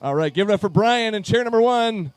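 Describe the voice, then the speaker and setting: A man's voice: sits high, expressive, fairly quick, smooth, no echo. A man emceeing a live charity event at a pub, upbeat as he calls names to chairs on a handheld microphone.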